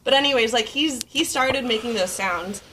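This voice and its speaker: A young woman with a slightly high voice over clearly noisy audio. She rambles casually through stories in a giggly way, leaning on filler words as friends do. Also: moderate pace, a bit bright. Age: young adult. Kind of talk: casual chat, telling night-out stories.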